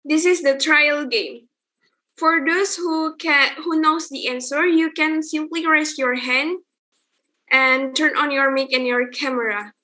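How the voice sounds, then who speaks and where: A woman's voice: sits high, a little slow, bright, forceful tone. A young woman hosting an online student event, calling on delegates one by one and encouraging them.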